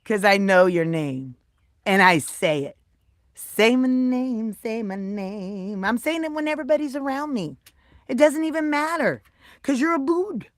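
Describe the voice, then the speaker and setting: A woman chatting casually with her live-stream viewers, swinging from soft mutters to loud, excited, swearing bursts. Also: sits high, moderate pace, no echo, clean studio sound.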